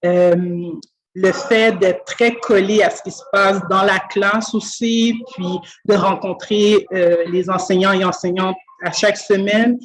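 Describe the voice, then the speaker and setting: A school speech-language pathologist from Quebec, with a Québécois French accent, describes her work in a conversational interview over a video call from a school office. She speaks earnestly and thoughtfully at a measured pace, in a medium-pitched, fairly even voice, with many fillers and restarts. The recording quality is low.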